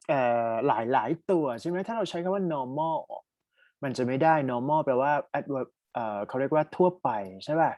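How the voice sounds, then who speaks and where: A young man with a Thai accent teaching an online English exam-prep lesson. He reads test sentences slowly and explains them quickly, and he asks the students to type their answers in the chat. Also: a little high, a little mellow, no echo.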